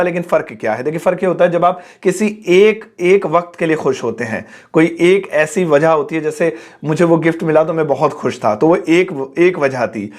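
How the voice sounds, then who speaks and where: Guy reading viewer comments out loud then explaining them slowly, voice on the higher side. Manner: reads each comment aloud, then explains it patiently with everyday examples. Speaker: English teacher. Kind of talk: answering viewer questions in a class video.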